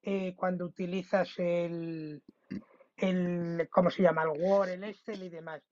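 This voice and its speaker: A man co-hosting a podcast in casual chat, pausing to search for words. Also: high-pitched, flat delivery, a little mellow. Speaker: podcast co-host. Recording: dull lo-fi podcast audio.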